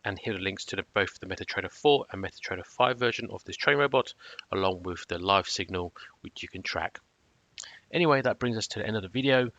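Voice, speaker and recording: Man, low-ish voice, scripted review narration, measured and cautionary, dry close mic. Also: pushed and bright, no echo, lo-fi sound. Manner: measured, matter-of-fact, cautionary. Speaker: trading robot reviewer.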